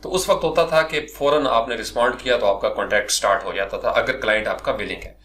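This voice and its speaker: A middle-aged man from Pakistan, a freelancer, telling his own career story as a lively personal monologue, often addressing his listeners politely. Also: medium pitch.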